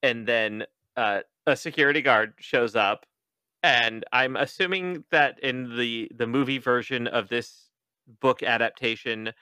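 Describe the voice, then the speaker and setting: A man hosting a podcast, casually recapping a book in an animated, joking way, cursing freely and acting out quoted lines. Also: medium pitch, a little slow, clear, resonant tone, no room sound, clean studio sound. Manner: animated, profane, joking, with exaggerated quoted voices. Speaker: podcast host.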